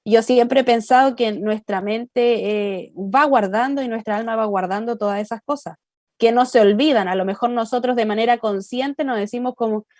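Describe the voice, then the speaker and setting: A woman's voice: fairly high pitch, normal speed, darkish tone, no room sound, clean studio sound. A woman with a Chilean accent co-hosting a church talk show, answering respectfully and thoughtfully with many hesitations. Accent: Chilean Spanish. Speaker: co-host.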